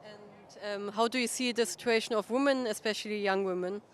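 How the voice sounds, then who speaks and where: A woman's voice: medium pitch, steady tone, a little fast. A woman interviewing people outdoors on a city street, asking questions casually with many fillers.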